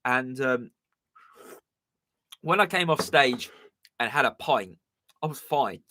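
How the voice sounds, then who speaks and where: Taking it slowly, a young southern English man hosting his live stream as a musician rambles in casual chat, peppered with ums and uhs. His mid-range voice is animated but slightly strained, and background noise is audible.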